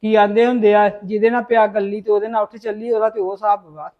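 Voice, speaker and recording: A woman's voice: mid-range voice, little pitch movement, quick pace, narrow, tinny audio, lightly acted. A middle-aged woman playing a mother in a family drama, who nags and frets as she talks. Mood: fretful. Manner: fretful, scolding, bossy. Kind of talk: acted family drama dialogue.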